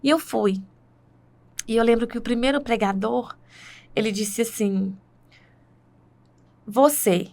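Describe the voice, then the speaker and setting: A woman's voice: fairly high pitch, normal speed, vocal fry, pauses often, a little mellow. A woman with a Brazilian Portuguese accent telling her faith testimony in conversation, earnest and full of tag questions.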